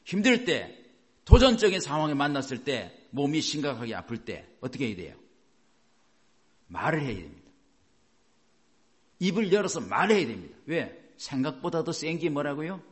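A man pastor preaching a sermon, emphatic and asking the congregation rhetorical questions. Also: mid-range voice.

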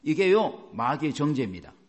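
A man's voice: a little high, big pitch swings, moderate pace. A male pastor preaching a sermon, emphatic and asking his congregation rhetorical questions.

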